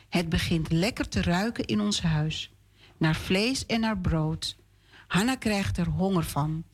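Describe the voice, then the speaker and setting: A woman on children's radio reading a Bible story aloud in a clear, expressive way. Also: medium pitch.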